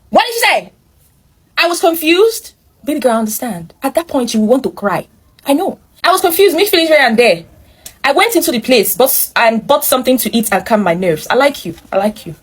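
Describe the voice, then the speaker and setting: Husky and pitched high, this woman's voice carries a Nigerian accent. She's a host presenting a viewer's story with animated narration. Along the way she cuts in emphatically with opinionated commentary spoken straight to the audience.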